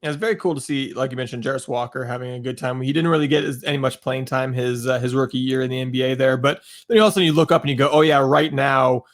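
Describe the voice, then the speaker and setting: Casting note: male podcast co-host, rapid excitable casual delivery. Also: medium pitch. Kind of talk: casual sports podcast chat.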